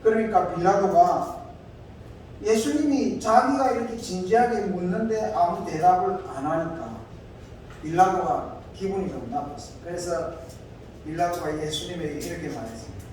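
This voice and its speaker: Pastor preaching in a booming echoey church. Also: male voice, expressive, darkish tone, slight background noise. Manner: conversational storytelling with many filler pauses. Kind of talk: sermon retelling a scripture story. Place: church sanctuary. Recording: echoey church hall, distant mic.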